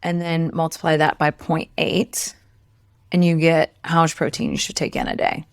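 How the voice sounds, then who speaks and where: Woman podcast host walking thru nutrition numbers, smooth low-ish voice, dry close sound. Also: level tone, normal speed, no echo. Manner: explains step by step with numbers. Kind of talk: casual explanatory chat.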